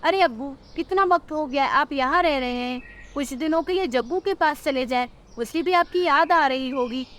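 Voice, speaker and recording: A woman's voice: high voice, normal speed, fairly bright tone. Woman voicing a meek young male crow. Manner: soothing, eager to please.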